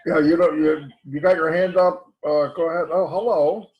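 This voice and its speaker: A man's voice: on the high side, steady tone, normal speed, dull audio. A man hosting a video call, talking in a reassuring, easygoing way. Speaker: host. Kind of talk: casual chat on a video call.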